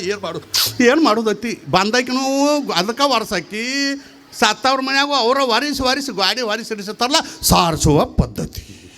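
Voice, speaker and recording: A man with a North Karnataka Kannada accent giving a humorous spiritual discourse, telling stories and firing rhetorical questions. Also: very high-pitched. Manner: animated storytelling with rhetorical questions. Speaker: spiritual teacher.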